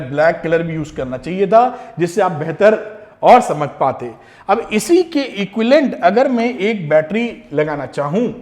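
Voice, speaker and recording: A man teaching a physics lesson for exam preparation, encouraging his students and mixing in English terms as he works on a board. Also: high voice. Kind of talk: exam-prep lecture while writing on a board.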